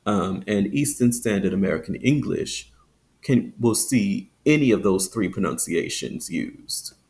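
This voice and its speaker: A man teaching a phonetics lesson, explaining with fillers and stretching out example words slowly. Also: fairly low pitch, animated, vocal fry, a little mellow. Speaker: accent teacher.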